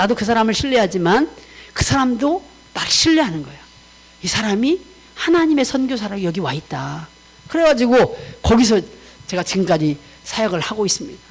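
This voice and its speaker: A woman missionary giving a personal testimony to a congregation in a warm, conversational way, mixing casual and polite speech and acting out remembered conversations. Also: fairly high pitch, rough recording. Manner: animated storytelling, acting out remembered dialogue.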